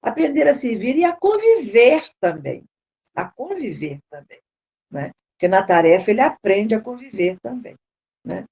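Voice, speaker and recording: A woman's voice: fairly high pitch, big pitch swings, moderate pace, gravelly, mellow. Brazilian woman giving a chatty seminar talk. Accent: Brazilian Portuguese. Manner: conversational, repeats words and adds "né?" often. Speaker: seminar speaker. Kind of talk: informal spiritual seminar talk.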